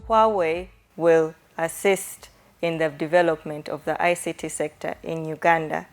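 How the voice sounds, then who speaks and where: A woman's voice: low voice, fairly even intonation, unhurried, soft background music. A woman company representative making a formal statement in a documentary interview.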